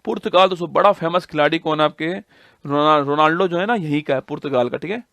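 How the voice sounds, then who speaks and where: A man's voice: fairly high pitch, fairly quick, vocal fry, fairly bright tone, no echo. A man teaching an online exam-prep geography class, asking questions and answering them himself, repeating key facts over and over. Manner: repetitive drilling, asks and answers own questions.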